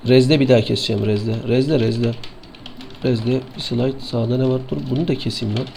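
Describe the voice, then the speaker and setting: A man with a Turkish accent streaming an online game, sleepy and excitable, swearing and taunting opponents as he plays. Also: mid-range voice, fast talker, vocal fry, a little hiss or hum. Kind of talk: live gameplay commentary.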